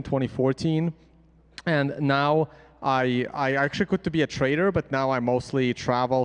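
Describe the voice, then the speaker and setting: Guy on a crypto panel, straight-talking and opinionated, mid pitch, hall echo. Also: clear, resonant tone. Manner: blunt, opinionated. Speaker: crypto trader and educator. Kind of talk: panel discussion. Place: conference stage. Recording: reverberant conference hall.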